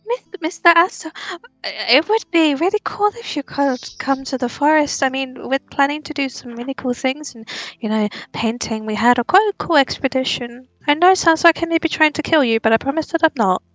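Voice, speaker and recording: A high-pitched, chatty young adventurer girl, acted by a woman in a tabletop roleplay. She is breezy and naive, rambling cheerfully in a close, dry sound. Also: a little fast, few pauses, a bit bright, no room sound, poor audio. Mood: eager, friendly.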